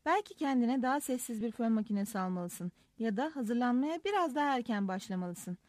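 This is a woman voicing a composed male lawyer from a storybook reading. He speaks coolly and drily, keeping an icy calm under a fairly high pitch. The voice is close and dry, with no room around it. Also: fairly quick, dry recording, lightly acted. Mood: dry teasing.

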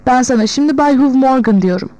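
A woman reading an audiobook, voicing a gruff, bossy old male village tailor who snaps at everyone. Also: high voice, fast talker, dark tone, no echo, voice pushed up, close to an everyday voice, poor audio. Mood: snapping. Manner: bossy, snapping.

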